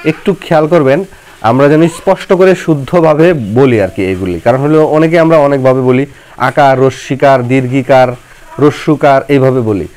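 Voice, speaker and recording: Woman teacher, very deep, lively intonation, patient and coaxing. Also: normal speed, a little hiss or hum. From Bangladesh. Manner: patient, coaxing, explains step by step. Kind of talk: children's lesson.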